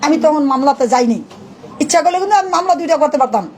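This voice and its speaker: Middle-aged woman, high-pitched and rapid, telling her story in a rambling way, faint noise behind. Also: lively intonation, a little mellow, rough recording. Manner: rapid, rambling, acts out quoted dialogue. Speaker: interviewee, mother of the subject. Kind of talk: emotional spoken account to reporters.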